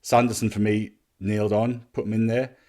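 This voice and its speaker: Guy on a fan podcast, lowish voice, just chatting football. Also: little pitch movement, normal speed, mellow. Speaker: podcast panellist. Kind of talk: casual football fan chat.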